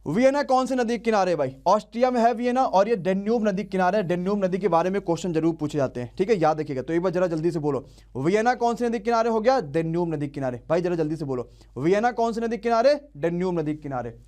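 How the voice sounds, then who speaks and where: A man's voice: sits high, animated, fast talker, darkish tone. A young man teaching an online exam-prep class, quizzing students and drilling answers call-and-response style.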